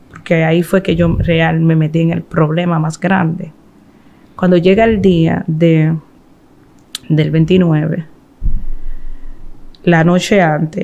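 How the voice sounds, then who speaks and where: A woman speaks as a guest in an interview. She tells her own story in an earnest, halting way, stopping to restart her sentences and acting out what others said. Her voice is dark and mellow. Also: lowish voice, gravelly, lo-fi sound.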